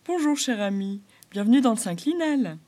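A woman voicing a calm, wise male beaver, kindly and patient in a storybook reading. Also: fairly high pitch, normal speed, pitched above the performer's own voice, natural voice.

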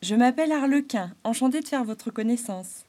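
A woman's voice: on the high side, animated, a little fast, a little mellow, voice pushed up, lightly acted. A woman voicing a cheerful male harlequin spirit bouncing on a spring, exclamatory and eager in a storybook reading. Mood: delighted.

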